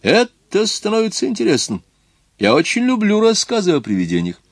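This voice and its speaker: A man reading the part of an eager English gentleman in an audiobook. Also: high-pitched, wildly swooping pitch, brisk, dry recording, studio quality, pitched above the performer's own voice, exaggerated voice. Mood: delighted. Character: eager English gentleman, fond of ghost stories.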